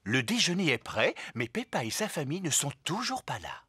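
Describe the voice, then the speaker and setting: A woman's voice: low-pitched, very animated, a little fast, fairly bright tone, a little hiss or hum. A woman narrating a children's cartoon in a scripted storytelling manner. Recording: music behind the voice.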